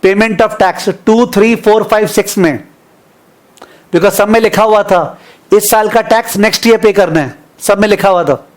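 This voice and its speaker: Man, high voice, Indian English accent, finance teacher, slow number dictation, teasing, online class. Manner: repeats numbers slowly for dictation, teasing students by name.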